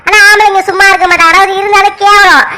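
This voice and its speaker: Casting: woman playing a bossy elder sister in a village cartoon, very high and bright voice, lecturing tone. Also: steady tone, fast talker. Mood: scolding. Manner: scolding, lecturing. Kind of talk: cartoon voice acting.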